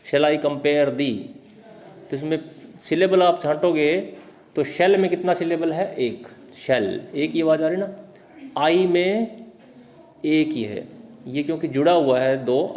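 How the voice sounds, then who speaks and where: A male teacher with an Indian accent gives a classroom lecture on literature. He reads English definitions at an unhurried crawl and then explains in his own words, often quizzing his students. His voice sits fairly high for a man. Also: a little mellow.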